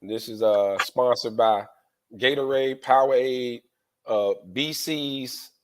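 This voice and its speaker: A man's voice: medium pitch, slow pace. A man co-hosting a podcast, chatting loosely and informally with his friends. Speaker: podcast co-host. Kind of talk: casual chat among friends.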